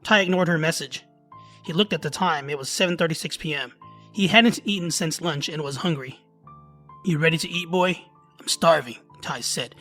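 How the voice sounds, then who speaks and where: A man narrating a love story in a steady storytelling way. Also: on the high side.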